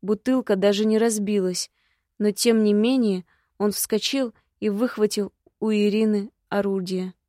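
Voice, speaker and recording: A woman's voice: mid-range voice, fairly even intonation, unhurried, warm tone, no room sound, studio quality. Woman reading an audiobook evenly. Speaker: audiobook narrator. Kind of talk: scripted narration.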